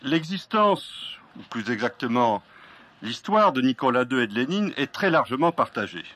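A man speaking as an interviewer, giving a formal, erudite introduction in measured, carefully built phrases. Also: mid-range voice, sing-song, a bit bright. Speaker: interviewer introducing a guest author.

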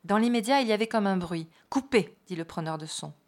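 Woman reading a novel out loud, expressive, drops little side comments now and then, middle pitch. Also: fast talker. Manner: expressive reading with brief spoken asides. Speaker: reader.

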